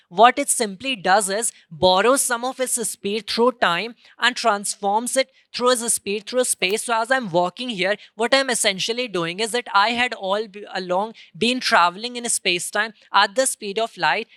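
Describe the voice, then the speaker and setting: A woman giving an earnest science presentation on stage, explaining step by step and quickly correcting herself mid-sentence. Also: medium pitch, bright, forceful tone, no echo. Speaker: student presenter. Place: convention centre stage.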